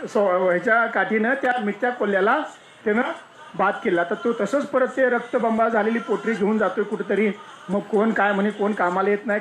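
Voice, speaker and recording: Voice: mid-range voice, fairly bright tone, slight background noise. A spiritual discourse speaker explaining teachings through a parable, often asking rhetorical questions and then answering them. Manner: explanatory, repeats key points.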